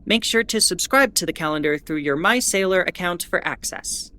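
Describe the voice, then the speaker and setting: A woman playing a starship captain who gives formal, measured bulletins with dry asides in an audio drama. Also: fairly low pitch, expressive, pushed and bright, faint music behind. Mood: formal, composed. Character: female starship captain reading an official ship bulletin. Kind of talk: scripted in-character announcement, audio drama.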